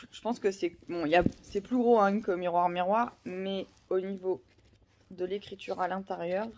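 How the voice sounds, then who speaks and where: A woman's voice: medium pitch, mellow. Rambling French-speaking woman vlogger. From France. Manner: rambling, many fillers and restarts. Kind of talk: casual vlog chat.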